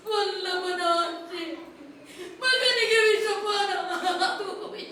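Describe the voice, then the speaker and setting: Woman playing a grieving queen mom, very high, slow and bright, half singing her lines, big echoey hall from far off. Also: a little hiss or hum. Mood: lamenting. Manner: pleading, lamenting, half-sung phrases. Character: anguished queen and mother, adult woman. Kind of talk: solo stage recitation of a mythological play.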